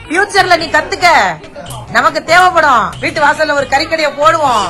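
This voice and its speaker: Woman, vlogger, playful and teasing, family chat, slightly high voice, music underneath. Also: brisk. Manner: playful, teasing, laughs often. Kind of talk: casual family vlog chat.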